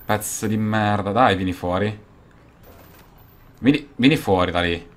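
A young man giving gameplay commentary as a gaming YouTuber, excitable and swearing, now and then bursting into shouts. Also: on the low side, unhurried.

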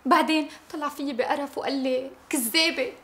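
A woman's voice: high-pitched, a little fast, bright, forceful tone. An actress playing a panicked, ashamed young woman with a Lebanese accent in a TV drama. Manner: distraught, pleading. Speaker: young woman caught in a lie. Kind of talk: TV drama acting.

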